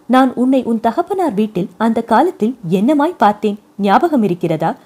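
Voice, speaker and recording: A woman's voice: on the high side, warm tone, husky. A woman voicing a playful young male charioteer in a storybook reading, in a teasing manner.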